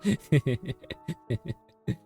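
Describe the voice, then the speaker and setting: A man's voice: extremely slow, dark tone, soft background music. A young man streaming a game, chatting emotionally with viewers and often restarting his sentences. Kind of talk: casual game stream chat.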